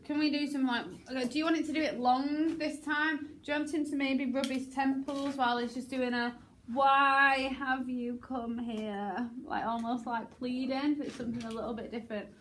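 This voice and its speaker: A woman runs a class rehearsal, firing off suggestions in a brisk, encouraging way. Her voice sits a little high for a woman. A faint hiss runs under it. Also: fairly even intonation. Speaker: drama teacher. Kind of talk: directing a rehearsal.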